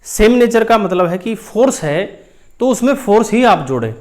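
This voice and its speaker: A man's voice: high voice, very animated, moderate pace, a little mellow. A man teaching a physics lesson, explaining step by step while drawing and calling his students dear children. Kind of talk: whiteboard lesson.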